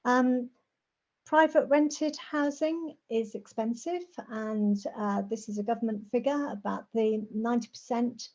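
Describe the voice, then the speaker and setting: A middle-aged or older woman who says her r's as w, giving an informal, measured presentation in a conversational manner. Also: a little high. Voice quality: says w for r, soft r sounds. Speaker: guest speaker, rural housing specialist. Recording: dull, lo-fi call audio.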